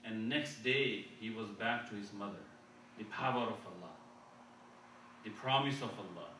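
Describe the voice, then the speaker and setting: In a very echoey mosque hall, a man far from the mic preaches a sermon at an Islamic conference. His lowish, bright voice is forceful and earnest; he repeats and restarts phrases, rattles off Arabic verses, and there's slight background noise.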